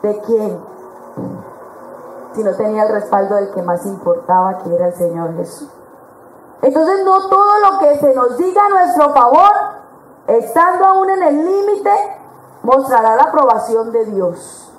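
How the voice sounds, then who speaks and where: Woman preacher, high voice, lively, acts out quoted voices, roomy church echo. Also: a little slow, long pauses. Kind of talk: sermon at a women's conference. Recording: echoey church hall.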